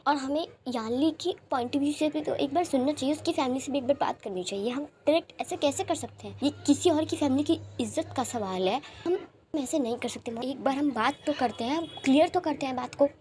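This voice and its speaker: A woman's voice: high-pitched, brisk, a little mellow, pitched above the performer's own voice, lightly acted. A woman voicing an earnest young man who reasons with his mother. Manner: earnest, reasoning, a little upset.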